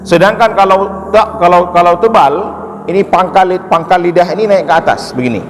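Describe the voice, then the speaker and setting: A man's voice: high-pitched, fairly quick, big-room sound, slight background noise. A man teaching Quran recitation, patiently correcting a student and modelling sounds syllable by syllable. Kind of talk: correcting recitation in a tajwid lesson.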